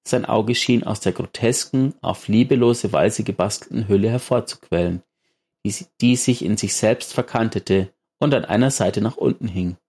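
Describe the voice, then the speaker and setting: A man narrating a story aloud in a measured audiobook reading. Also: on the low side, darkish tone, husky.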